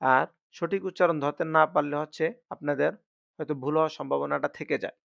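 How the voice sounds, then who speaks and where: A man teaching Arabic letter sounds in an online Quran reading lesson. He speaks, slowly and patiently, and repeats each sound for drill. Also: fairly high pitch, fairly even intonation, creaky, fairly bright tone, no room sound. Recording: dry, dull lo-fi audio.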